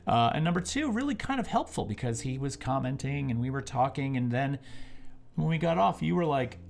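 A man's voice: mid-range voice, big pitch swings, brisk, gravelly. A man co-hosting a live-streamed art chat show, talking casually and telling easygoing stories. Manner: chatty, storytelling, easygoing. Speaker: co-host.

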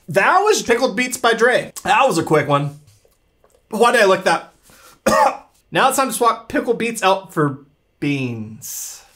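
A man's voice: sits high, very animated, unhurried, long pauses, sharp tone. A man vlogging and commenting on his own gameplay in a casual, self-mocking way, reacting aloud as he plays. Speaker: YouTube creator.

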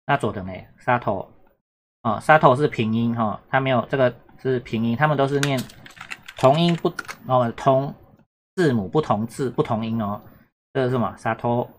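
A man's voice: medium pitch, moderate pace, slight background noise. A man teaching a casual exam-prep lesson, repeating points and checking whether students follow. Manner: chatty, repetitive, asks "懂哈？有没有？" often. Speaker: Japanese teacher.

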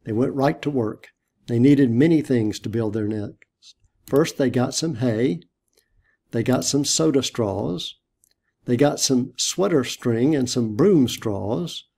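A man reading a picture book aloud for a church storytime, then giving a short lesson, in a gentle, deliberate way. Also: mid-range voice, gravelly, slightly rough.

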